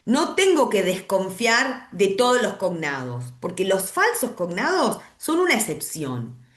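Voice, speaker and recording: Woman teacher, slow and sing-songy, keeps going "¿sí?", roomy echo. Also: mid-range voice, big pitch swings, fairly bright tone. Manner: explanatory, checks in with frequent rhetorical "¿sí?". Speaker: English teacher. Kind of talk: recorded class lecture.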